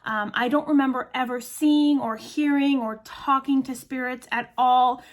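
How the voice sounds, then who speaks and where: Chatty high-voiced woman in her thirties. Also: fairly even intonation, a little slow. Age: 30s. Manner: chatty, earnest, addresses viewers directly. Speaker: medium and energy healer, channel host. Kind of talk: casual talk to camera.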